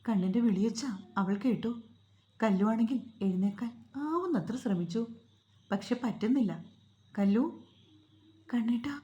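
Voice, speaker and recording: Mellow-voiced woman telling a story. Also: mid-range voice, animated, normal speed, highs cut off. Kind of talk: storytelling narration. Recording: roomy echo.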